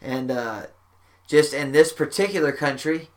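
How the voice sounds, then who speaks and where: A man's voice: on the high side, unhurried. Rambling, profane podcast host, a man. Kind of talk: casual chat. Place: backyard shack.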